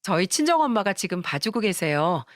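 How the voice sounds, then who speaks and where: A woman's voice: big pitch swings, fairly quick, no echo, studio quality, lightly acted. A woman voicing a fawning, two-faced young daughter-in-law who talks in a sugary, fussy way. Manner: sugary and fussy, turns shrill when cornered.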